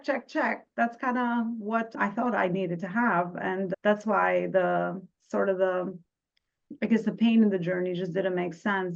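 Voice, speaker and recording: Gravelly low-voiced woman from Albania. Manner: earnest, slightly halting with restarts. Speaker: guest. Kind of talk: reflective personal storytelling. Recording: dull lo-fi sound.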